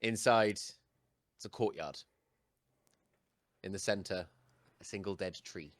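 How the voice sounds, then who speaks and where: Male game master, low-pitched, dry sound, measured and suspenseful fantasy narration. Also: no echo. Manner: measured, suspenseful scene-setting in short phrases.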